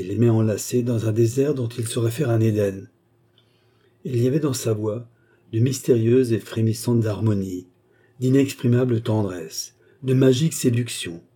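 A man narrating a novel as an audiobook, reading in a measured, dramatic way. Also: medium pitch, mellow, husky.

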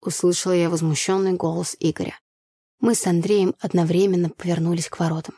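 A woman narrating a first-person audiobook story with an even, storytelling delivery. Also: fairly low pitch, fairly quick, husky, dry recording, studio quality.

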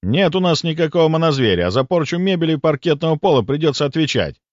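A man's voice: on the high side, lively intonation, fast talker, no room sound, pitched above the performer's own voice, natural voice. A man reading an audiobook voices the first-person hero, a cool, commanding young man with a stern, ironic manner. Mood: stern, mocking. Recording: dull lo-fi dry audiobook recording.

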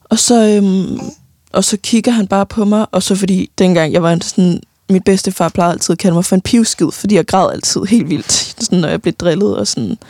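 A young woman giving a halting, personal account of loss in an interview, often pausing and restarting, sometimes tearful. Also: mid-range voice, dark tone, no room sound, studio quality. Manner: halting, many fillers and restarts, tearful at times.

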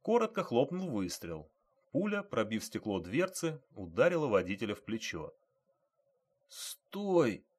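Male audiobook narrator, expressive crime reading, animated intonation. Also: on the low side, normal speed, breathy edge.

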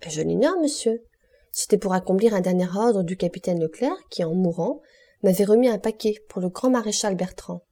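A woman's voice: mid-range voice, moderate pace, dark tone, close to an everyday voice. Woman reading a polite young sailor. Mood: earnest. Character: young male ship's mate, polite, eager. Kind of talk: audiobook reading.

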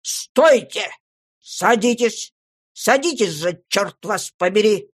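A woman voicing a proud, irritable older gentleman who speaks stiffly and keeps clearing his throat in a storybook reading. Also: sits low, animated, slow, exaggerated voice. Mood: furious.

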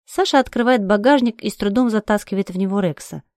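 A woman's voice: medium pitch, fast, darkish tone, no echo, studio quality. A woman narrating a first-person story aloud with urgent, emotional delivery. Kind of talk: first-person audiobook reading.

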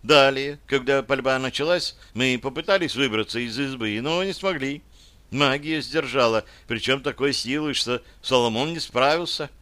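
A man's voice: mid-range voice, moderate pace, bright, forceful tone, close to an everyday voice. A man voicing a young warrior woman who is demanding, irritable and anxious in an audiobook. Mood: insistent. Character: young woman, a tense, pushy warrior amazon.

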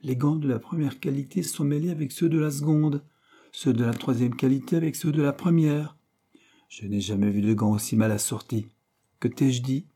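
A man's voice: medium pitch, fairly even intonation, normal speed, dark tone, voice pushed up, lightly acted. A man voicing a strict older male Quaker factory manager who scolds severely and with emphasis. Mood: stern scolding.

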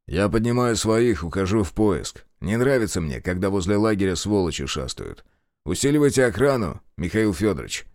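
A man voicing a sharp, ruthless male partisan commander who speaks in clipped, commanding phrases. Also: lowish voice, big pitch swings, normal speed, no room sound, clean studio sound. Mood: brisk.

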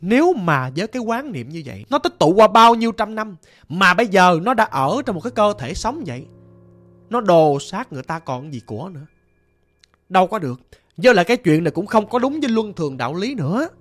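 A storyteller with a Southern Vietnamese accent narrating a ghost story in a lively, chatty way, slowing to chant incantations. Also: medium pitch.

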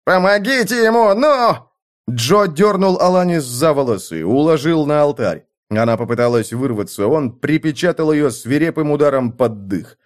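A man narrating a violent fantasy audiobook with intense, theatrical delivery, mid-pitched. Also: lively intonation, moderate pace, few pauses, darkish tone.

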